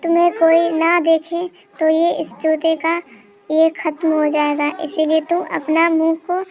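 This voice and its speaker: A woman's voice: extremely high pitch, flat delivery, unhurried, darkish tone. A woman voicing a loving, magical spirit mother in a cartoon story, tender and comforting.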